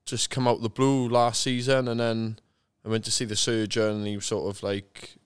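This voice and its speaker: A retired rugby player with a South Welsh accent is a podcast guest, chatting casually and candidly and telling stories in an informal, sweary, matter-of-fact way. His mid-range voice is smooth and flat, at a normal speed.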